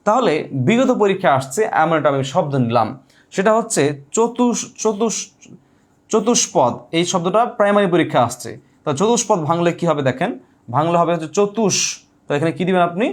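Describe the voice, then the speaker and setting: Male tutor, slightly high voice, drills points by repetition and call-and-response questions. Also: animated. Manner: repeats key points and quizzes listeners with quick questions. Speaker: teacher. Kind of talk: online exam-prep grammar lesson.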